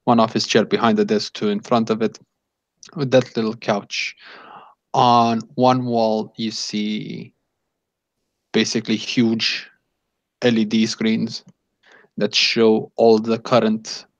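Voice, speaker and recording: A man improvising narration as game master of a tabletop game, haltingly, searching for words. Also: lowish voice, level tone. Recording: echoey room, dull lo-fi sound.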